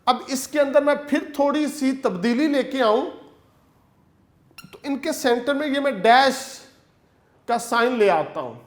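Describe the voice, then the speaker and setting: A man's voice: very high voice, animated, pauses often. A male teacher giving an online lecture, explaining step by step in a patient way and calling his students "beta". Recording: echoey room.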